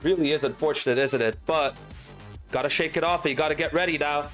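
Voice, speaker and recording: A man commentating a video game match live and hosting the stream, getting excitable and shouting at big plays. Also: a little high, fast talker, faint music behind. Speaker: esports commentator and stream host.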